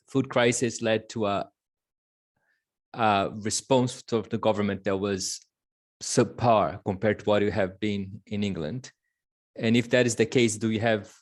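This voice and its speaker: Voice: mid-range voice, fairly even intonation, unhurried, long pauses. A webinar participant asking a question, rephrasing and hesitating as the question comes out. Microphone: video call.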